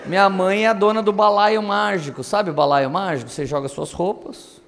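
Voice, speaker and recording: A male pastor delivering a sermon through lively, humorous storytelling. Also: sits high, moderate pace, long reverb tail, slight background noise. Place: church auditorium.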